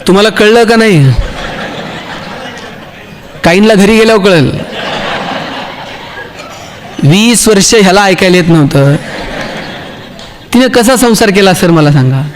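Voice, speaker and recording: A man's voice: high-pitched, expressive, unhurried, long pauses, a faint crowd, a little hiss or hum. A man with a Marathi accent giving a motivational speech, telling humorous stories and acting out the dialogue for his audience. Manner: storytelling, acts out dialogue, jokes with the audience. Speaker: motivational speaker.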